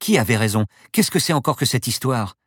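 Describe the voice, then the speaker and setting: A man's voice: a little high, moderate pace, no echo, clean studio sound, pitched above the performer's own voice, natural voice. Man doing an alarmed young woman. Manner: alarmed, pleading. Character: young woman, anxious and sharp-tongued.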